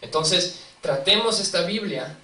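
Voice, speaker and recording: Storytelling preacher heard from across a roomy church. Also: male voice, high voice, expressive, measured pace, bright, forceful tone. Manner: conversational storytelling, acting out quotes, asking the congregation questions. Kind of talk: sermon. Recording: distant mic in a reverberant church, faint ambience.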